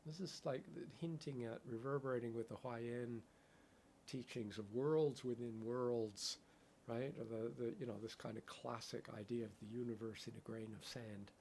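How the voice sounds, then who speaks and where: With a steady, slightly mellow mid-range voice at normal speed, a man whose first language is English teaches a contemplative dharma talk as a Buddhist meditation teacher. His phrasing is poetic, punctuated by frequent "right?" check-ins, and there's a little hiss or hum.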